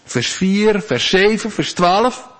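A man preaching a sermon, earnest, rising to loud pleas and dropping to quiet asides. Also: high voice, expressive, slow pace. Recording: long church reverb.

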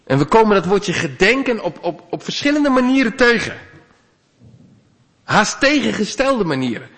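A man's voice: high-pitched, sing-song, normal speed. Earnest male preacher in a reverberant church. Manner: earnest, rising to loud pleas, dropping to quiet asides. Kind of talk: sermon.

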